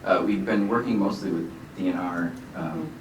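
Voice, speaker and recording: A man representing an agency at a meeting, answering questions haltingly with many fillers. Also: low voice. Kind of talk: meeting discussion. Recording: echoey room from far off, loud noise.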